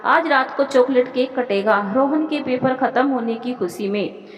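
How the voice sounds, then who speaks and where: A woman voicing a bossy, scheming older woman of the house who talks in a sharp, mocking, commanding way. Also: high voice, moderate pace, echoey room, in a large hall, lightly acted, low-quality recording. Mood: scolding.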